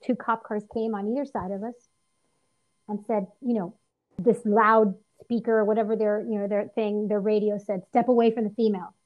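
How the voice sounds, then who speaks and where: Female interview guest, earnest, animated storyteller, restarts often; slightly dull lo-fi recording. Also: mid-range voice, moderate pace. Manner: earnest, lively, frequent restarts and fillers. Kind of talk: personal storytelling in conversation.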